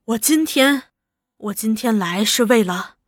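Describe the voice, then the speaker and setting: Woman putting on a hushed, desperate pleading man. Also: a little high, lively intonation, measured pace, no room sound, studio quality. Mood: anxious pleading. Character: anxious, fawning middle-aged man pleading in secret.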